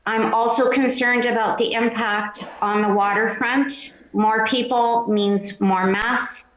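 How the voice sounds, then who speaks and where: A woman speaks slowly and haltingly, her voice a little squeaky, filling pauses with ums. She is heard in a roomy council chamber on a dull, muffled recording. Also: fairly even intonation, a bit bright. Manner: hesitant, many ums, not a practiced speaker. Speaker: resident speaking at public meeting. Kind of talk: public comment at council meeting.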